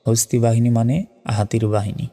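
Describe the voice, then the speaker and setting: A man teaching Quran recitation step by step. He spells out Arabic syllables slowly and patiently, and chants the verses slowly and melodically. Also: mid-range voice, level tone, dark tone, big-room sound, soft background music.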